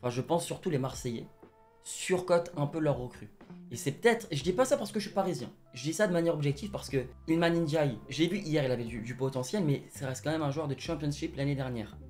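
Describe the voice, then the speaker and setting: Young male co-host, fairly high voice, opinionated banter over quiet music. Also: animated, quick pace. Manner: opinionated, hedging with "je pense". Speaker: football channel co-host. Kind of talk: casual football chat.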